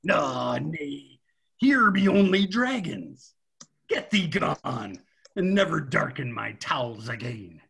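A gruff old sailor lighthouse keeper. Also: male voice, fairly high pitch, big pitch swings, slow, fairly bright tone, exaggerated voice. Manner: growling pirate-style speech.

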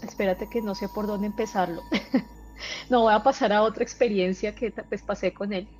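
A woman's voice: medium pitch, fairly even intonation, a little mellow, faint music behind, rough recording. A woman, telling personal experiences in a casual interview, earnest and emotional. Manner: earnest, emotional, halting storytelling. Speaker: guest sharing personal experiences.

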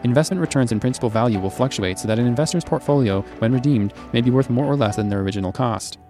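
A man reading a legal disclaimer in a rapid, flat delivery. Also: mid-range voice, soft background music. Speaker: disclaimer announcer.

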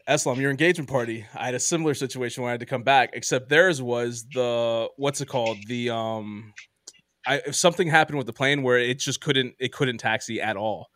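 A man's voice: mid-range voice, fairly quick, no room sound. A man telling a long travel story in casual podcast chat, swearing and acting out what people said. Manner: animated, swears often, acts out quotes. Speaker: podcast co-host.

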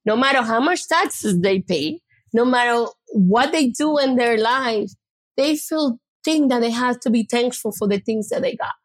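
High-voiced, emphatic woman from the Bronx. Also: animated, a little slow. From the Bronx, New York. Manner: emphatic, repeats phrases, slips into Spanish. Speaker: interview guest, mother of young children. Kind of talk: personal storytelling in an interview.

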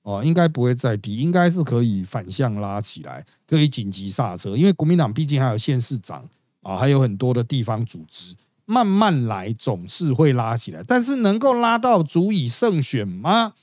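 A man's voice: mid-range voice, big pitch swings, moderate pace, a little mellow, no echo. A man with a Taiwanese Mandarin accent hosting a podcast, giving chatty, gossipy, wry political commentary. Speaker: podcast host.

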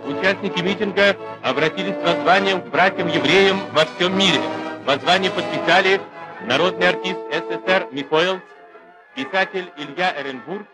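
A man's voice: sits high, fairly quick, rough recording. A man announcing in a formal, declamatory tone, heard through an old newsreel soundtrack. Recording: old newsreel with music underneath.

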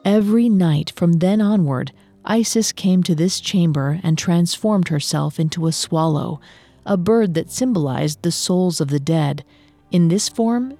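Mellow-voiced woman narrating a myth. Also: on the low side. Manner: measured storytelling. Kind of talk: scripted narration of mythology.

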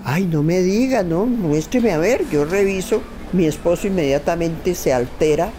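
Here a middle-aged woman's lowish, warm voice moves at a normal speed as she emphatically tells an interviewer about her travels, acting out remembered exchanges in an informal way. The recording is rough, with a little hiss or hum.

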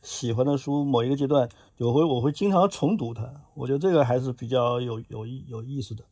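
Hesitant, husky man with a dry sound. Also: medium pitch, quick pace, mellow, no room sound. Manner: hesitant, repeats words, laughs often. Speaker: writer, guest. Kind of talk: casual chat.

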